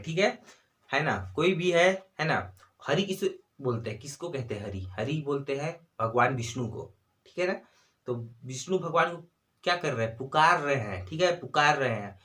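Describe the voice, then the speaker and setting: A man's voice: on the high side, a bit bright. Man tutoring with rising "ठीक है" tags. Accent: Chhattisgarhi Hindi. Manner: repeats "ठीक है" and "है ना", asks and answers own questions. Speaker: exam tutor. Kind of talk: exam-prep lesson.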